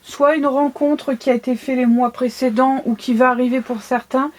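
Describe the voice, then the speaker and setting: A woman's voice: high voice, steady tone, normal speed. A woman with a lisp from new dental braces, giving a casual, conversational tarot reading and often checking that the listener follows. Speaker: tarot card reader.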